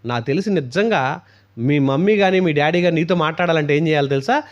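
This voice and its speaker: A high-pitched male preacher delivers a sermon, posing question after question and answering each one. The recording sounds dull and lo-fi. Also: fairly quick. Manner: fires rhetorical questions and answers them himself. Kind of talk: sermon to a youth meeting.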